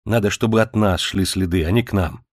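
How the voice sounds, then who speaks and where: Man reading a low, quiet, polite gentleman, restrained, dry. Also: a little fast, dry recording. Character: shaken gentleman homeowner, polite and careful.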